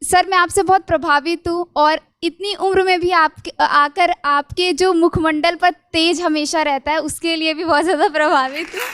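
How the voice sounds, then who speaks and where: Polite young woman student, high-pitched. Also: steady tone, moderate pace, hardly any pauses, fairly bright tone, a little hiss or hum. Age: young adult. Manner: polite, respectful, admiring. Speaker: student asking a question. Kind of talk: formal audience question. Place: college hall.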